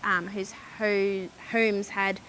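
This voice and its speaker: A young Australian woman telling her story casually and hesitantly, with frequent ums and pauses. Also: medium pitch, little pitch movement, fairly bright tone, a little hiss or hum, low-quality recording. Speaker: charity founder.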